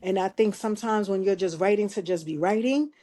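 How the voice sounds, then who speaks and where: A woman co-hosting a casual podcast chat, thinking out loud with restarts and emphatic asides. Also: medium pitch, brisk. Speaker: podcast co-host.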